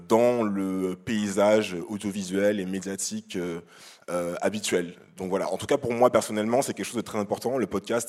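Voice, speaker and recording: A man speaking as a jury member presenting an award, in a semi-improvised speech, pausing often to find his words. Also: on the low side, darkish tone.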